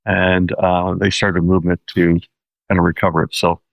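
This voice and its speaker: A man from Washington State, a documentary filmmaker telling his story in a relaxed, steady interview manner. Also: low voice, normal speed, gravelly, no echo, muffled recording. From Washington State, USA.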